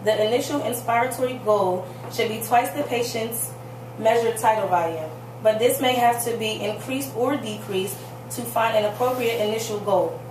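A woman with a fairly high voice recites formal medical-style instructions as a presenter. She sounds distant from the mic in an echoey room with clear noise. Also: moderate pace. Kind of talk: scripted instructional explanation.

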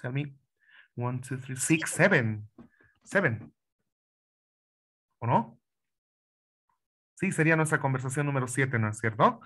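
A man's voice: medium pitch, expressive, takes it slowly, pauses often, a bit bright. A man leads an online English lesson, patient and repetitive, often asking his students whether they follow. His voice sits in a middle register and comes through a video call. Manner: patient, repeats phrases, asks students questions. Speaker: English teacher. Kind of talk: online class instruction.

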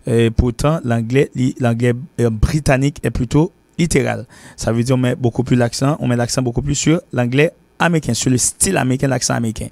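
A Haitian man with a Haitian accent hosts and teaches a spoken English lesson, explaining at length, repeating and restarting phrases, and slowing down to pronounce English phrases. His voice is medium-pitched, gravelly and darkish, and the recording is dry.

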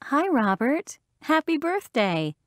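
A woman acting a friendly young woman in a textbook listening dialogue, clearly enunciated. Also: high voice, very animated, slow, no room sound, studio quality, full character voice.

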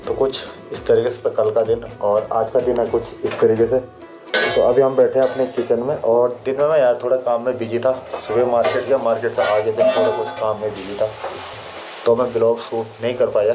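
This Uttarakhand vlogger, a man in his twenties, speaks on the low side with a flat, brisk delivery in a rough recording. He's joking around with viewers from a village kitchen and stone courtyard while music runs underneath.

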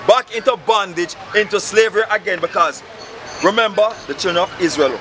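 A man's voice: high voice, a little fast. A man in his thirties with a Jamaican accent, teaching on a city street at night. He leads a listener through verses, asks questions and repeats the answers, and the camera is a few feet away. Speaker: street preacher. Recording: loud street noise and crowd.

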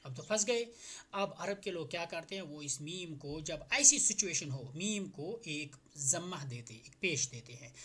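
A man from India teaching Arabic grammar in Hindi-Urdu, saying Arabic phrases slowly and repeating them before translating, often asking the class a question before he answers it. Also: on the high side, fairly bright tone, slight background noise.

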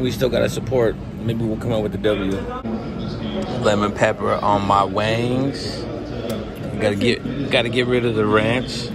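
A man chatting casually in an easygoing, storytelling way for his vlog. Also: on the low side. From Texas, US. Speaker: barber and vlogger. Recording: loud background noise, traffic.

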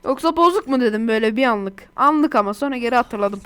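A woman talks over her gameplay in a high, bright-toned voice. She chats casually and gets excitable, often breaking into exasperated outbursts. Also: fast talker, smooth. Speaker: gaming YouTuber.

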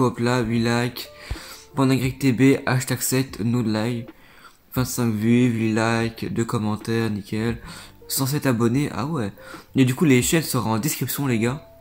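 A young man, a gaming YouTuber, rambling through casual reaction commentary on viewer clips and often repeating himself. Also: mid-range voice.

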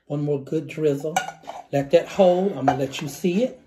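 Against a noisy background, a middle-aged man with a slightly high voice demonstrates a recipe at normal speed in a small indoor home kitchen. As host of the cooking show, he explains every step, goes back over the important points, and savors the results aloud.

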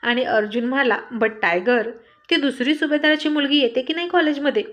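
A woman's voice: sits high, a little fast, a bit bright. A woman narrating a family love story, reading all the characters' lines herself in a light, conversational tone.

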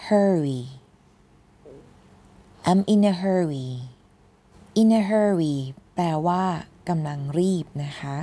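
A Thai woman teaching everyday English phrases, saying each word slowly one at a time and then repeating the whole phrase. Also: fairly low pitch, dark tone. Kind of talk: slow English phrase lesson.

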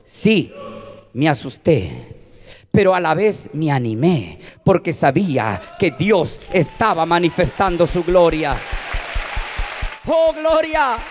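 A Peruvian preacher with a notably high voice for a man tells his testimony with dramatic emotion. He keeps turning to the congregation as he speaks, his voice rising and falling with the story. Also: expressive, measured pace, over music. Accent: Peruvian Spanish. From Peru. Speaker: presbyter preacher. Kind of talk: testimony sermon.

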